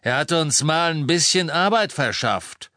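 A man's voice: fairly high pitch, expressive, unhurried, pushed and bright, no room sound, studio quality, voice pushed up. A man voicing a brusque adult male snatcher who leads a gang and questions captives in a curt, sneering way, raised above his narrating voice. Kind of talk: audiobook character voice.

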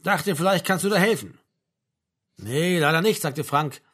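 A man reading a novel aloud, narrating and voicing the dialogue of several characters, with a husky voice. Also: lively intonation, a little slow. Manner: drops low and quiet on dialogue tags. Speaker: audiobook reader.

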